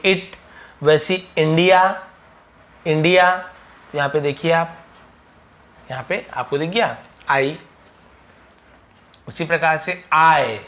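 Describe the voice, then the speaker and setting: A man teaching English letter sounds in Hindi, explaining patiently and repeating each sound slowly. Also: fairly high pitch, pushed and bright. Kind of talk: Hindi-language phonics lesson.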